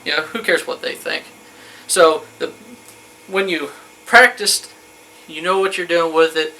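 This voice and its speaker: A man's voice: on the high side, bright, forceful tone, low-quality recording. A man in his thirties giving an informal how-to talk as a hunting instructor, in a folksy, colloquial, rambling way. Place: wood-panelled room indoors.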